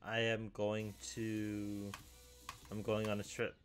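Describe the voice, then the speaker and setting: Deadpan young man rambling to camera. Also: lowish voice, takes it slowly, noisy background. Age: young adult. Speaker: video creator. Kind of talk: casual solo chat.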